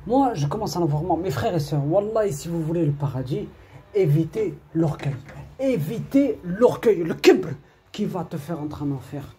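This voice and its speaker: A man's voice: fairly high pitch, expressive, fairly quick, warm tone, slight background noise. A man giving an informal religious reminder online, rambling and repeating himself, scolding in a streetwise way and dropping Arabic religious phrases into his talk.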